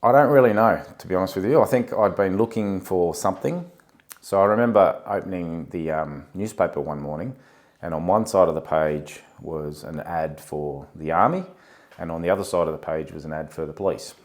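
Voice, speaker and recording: A man's voice: deep voice, fairly quick, a little mellow. An Australian man in his forties, a podcast guest talking casually and reflectively, with frequent ums and uhs as he gathers his thoughts. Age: 40s. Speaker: podcast guest, former police officer. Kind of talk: casual interview conversation.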